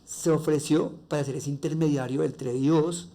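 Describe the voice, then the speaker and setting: Nasal, raspy Colombian man. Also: on the high side, steady tone, normal speed, mellow. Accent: Colombian Spanish. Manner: earnest, personal storytelling. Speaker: podcast host. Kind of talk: faith-based podcast monologue.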